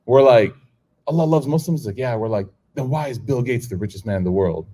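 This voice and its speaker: Speaking a little quickly in a mid-range, slightly rough voice, a middle-aged man with an American accent preaches informally before a live crowd. His storytelling is animated, full of acted-out dialogue and frequent laughter.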